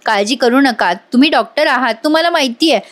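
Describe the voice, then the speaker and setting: A woman's voice: sits high, fast, natural voice. A woman voicing a cheerful, determined young heroine who reassures and teases others in a retold serial. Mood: reassuring. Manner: reassuring, teasing.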